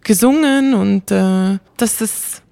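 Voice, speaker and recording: Her voice sits in the middle range, mellow with some vocal fry, and she takes her time; the recording has no echo. She's a young classical singer from Switzerland, raised bilingual in Bosnian, chatting animatedly through a casual interview with frequent fillers and soft laughs.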